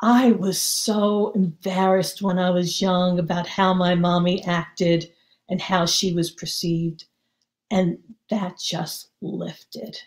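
A woman's voice: on the low side, slow, echoey room. A woman from New York telling a personal childhood story to an audience, acting out the people in it. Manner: lively, theatrical storytelling with voices.

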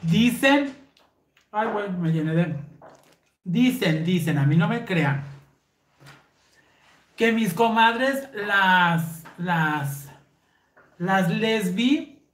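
A woman's voice: mid-range voice, animated, drawn-out words, pauses often, echoey room. A woman with a Mexican Spanish accent, telling raunchy stories to her viewers in a brassy, slangy manner and laughing often. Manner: brassy, slangy, laughing, addresses listeners as sisters. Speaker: host. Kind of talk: raunchy casual storytelling to viewers.

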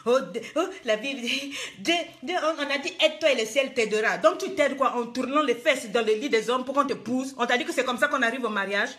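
A woman's voice: high voice, brisk, few pauses, a bit bright. A woman life coach, scolding her viewers in a live-streamed motivational talk, emphatic and full of rhetorical questions.

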